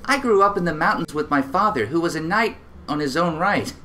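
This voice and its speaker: A man playing a blunt young swordswoman, brisk and no-nonsense. Her voice stays close to his own, with a lively rise and fall. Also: a little high, a little hiss or hum. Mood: blunt serious.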